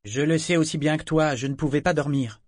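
A man's voice: a little high, brisk, dry recording, studio quality, voice pushed up, natural voice. A man putting on an anxious young woman sailor.

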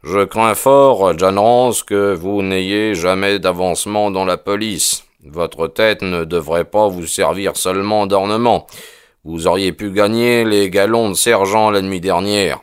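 A brilliant detective, crisp and commanding, quick to grow impatient, as a man puts him on in an audiobook. His voice is lifted a little above the reader's own low register and carries more force. The recording is close and dry. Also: fairly even intonation, no room sound. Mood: scolding. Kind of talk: audiobook character voice.

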